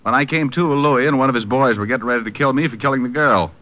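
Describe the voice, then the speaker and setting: A man's voice: medium pitch, quick pace, natural voice. A man playing a wry, hardboiled American private detective in an old radio drama, clipped and matter-of-fact. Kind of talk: 1940s-50s radio drama, first-person detective narration. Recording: muffled old radio recording, music behind.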